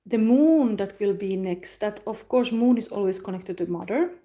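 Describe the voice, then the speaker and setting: Woman, tarot reader, warm mellow tone, soft and musing, hums between thoughts. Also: mid-range voice, moderate pace. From Finland. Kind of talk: live tarot card reading.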